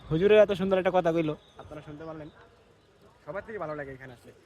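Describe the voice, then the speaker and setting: A man chatting casually to his viewers while walking around a busy mosque compound, sometimes lowering his voice. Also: racing, muffled recording. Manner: chatty, addresses viewers as brother, hushes voice at times. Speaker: vlogger. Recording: noisy outdoor phone recording.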